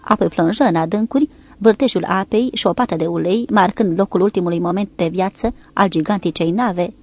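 Reading aloud from a naval war novel, a woman with a lowish voice delivers steady, measured audiobook narration, nudging her voice up a bit whenever characters speak.

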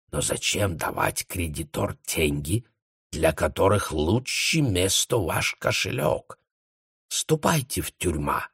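Pompous old baron read by a man, heavy foreign accent, mangled grammar, flustered and loud by turns, audiobook. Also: low voice, creaky, husky, dry recording, studio quality, full character voice. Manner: clipped, flustered outbursts. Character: older male baron banker, pompous, excitable.

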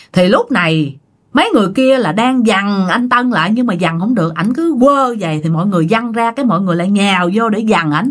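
A woman's voice: on the high side, a bit bright. A woman with a Southern Vietnamese accent telling a ghost story in a chatty way, addressing her listeners directly. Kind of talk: ghost story told to an audience.

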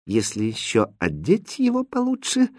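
A man voicing a haughty, capricious young princess in a storybook reading, speaking in imperious, shrill outbursts. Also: wildly swooping pitch, moderate pace, darkish tone, no echo, clean studio sound. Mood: flustered.

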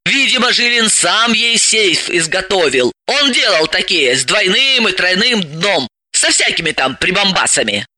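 A man's voice: sits high, big pitch swings, measured pace, few pauses, bright, forceful tone, heavily acted. A man reading an audiobook, voicing a bossy, sardonic woman psychoanalyst who gives orders and mocks. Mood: triumphant.

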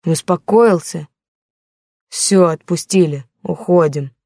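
A woman reading the part of a gruff young male gang leader giving curt orders in an audiobook. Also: fairly low pitch, slow pace, dark tone, no echo, studio quality. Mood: commanding. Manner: curt, commanding.

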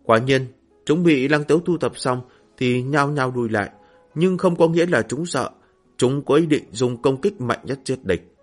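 A man reading a fantasy novel aloud in a steady, even storytelling manner, with a husky voice. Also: medium pitch, moderate pace, soft background music. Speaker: audiobook narrator. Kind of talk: scripted fantasy novel narration.

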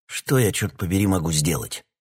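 A man reading an audiobook, voicing a stern, weary male officer who gives curt orders and shouts when pushed. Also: low-pitched, expressive, fairly quick, slightly rough. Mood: exasperated.

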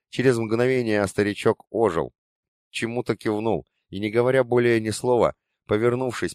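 A man narrates a first-person audiobook in a low, steady voice, measured and even as he tells the story. He was recorded on a close mic in a dry space with no room sound. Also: dry recording.

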